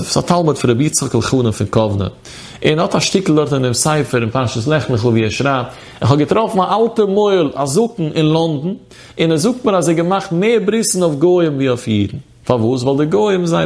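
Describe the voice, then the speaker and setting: A man's voice: on the high side, gravelly, darkish tone. A man teaching a Talmudic study lesson, moving in a chanting study cadence between explanation and quoted texts. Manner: sing-song study chant, quoting texts. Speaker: Torah teacher.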